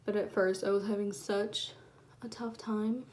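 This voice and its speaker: A woman talks in a soft, quiet voice at a middling pitch, casually explaining things as a beauty vlogger would. It is a homemade phone recording with light noise behind her. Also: level tone, measured pace. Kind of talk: casual makeup tutorial chat.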